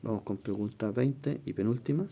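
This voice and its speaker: A man's voice: lowish voice, moderate pace, creaky, warm tone, breathy edge. A man, teaching a language exam review lesson, reading passages aloud and explaining spelling rules step by step.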